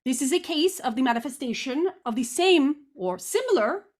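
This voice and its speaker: A woman channeling guidance like a seance medium, with formal, deliberate, stilted phrasing. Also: high voice, animated, a little mellow. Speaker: trance channeler giving guidance.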